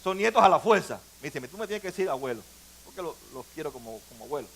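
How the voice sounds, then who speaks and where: An older man, a pastor, preaching a sermon in a church, moving between quiet asides and sudden emphatic rises. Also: on the high side, sing-song, fast talker, vocal fry, a little hiss or hum.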